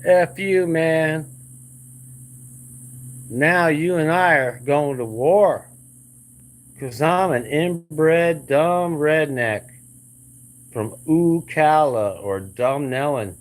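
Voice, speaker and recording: A man voicing an angry, hostile redneck neighbor in a slow, drawn-out snarl. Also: fairly high pitch, voice pushed up. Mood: angry mocking.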